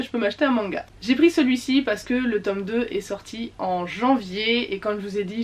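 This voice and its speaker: Chatty french woman doing a book haul, slightly high voice, lots of ums. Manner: chatty, frequent fillers and self-corrections. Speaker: book vlogger. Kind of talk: casual book haul chat.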